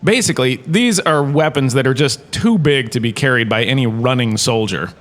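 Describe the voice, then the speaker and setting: In a comedic sci-fi audio drama, a male actor plays a self-satisfied, washed-up performer turned university lecturer who is chatty and digressive. His mid-range, fairly bright voice sounds close to an everyday speaking voice.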